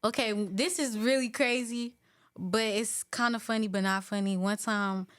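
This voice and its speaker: A woman's voice: mid-range voice, steady tone, moderate pace, fairly bright tone, no echo, clean studio sound. Laid-back young woman podcast guest. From Chicago and Atlanta. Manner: laid-back, joking, candid. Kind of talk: casual podcast interview.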